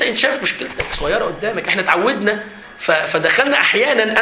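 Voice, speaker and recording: An Egyptian man speaks to a room of students in a high, bright voice, rattling along at a very fast clip. He jokes and laughs through his points in a lively seminar style. The hall around him is echoey, with a faint hiss underneath. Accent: Egyptian Arabic. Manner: animated, joking, often laughing while talking. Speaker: teacher leading a student seminar.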